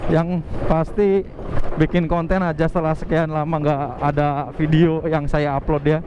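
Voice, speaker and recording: A young man talks casually as he rides, his fairly high voice chatty and rambling. The sound comes through a cheap clip-on mic tucked inside a mask under a helmet visor, with strong wind and traffic noise from the moving motorbike around him. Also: level tone, normal speed, muffled recording. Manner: chatty, thinking aloud, pious interjections. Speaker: motovlogger. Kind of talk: casual motovlog narration while riding. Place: riding a motorbike on outdoor roads and a bridge.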